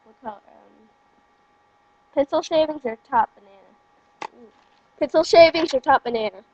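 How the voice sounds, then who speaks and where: A woman's voice: sits high, normal speed, darkish tone, dull audio. A woman chatting casually and reading out flavour choices during a jelly bean taste test.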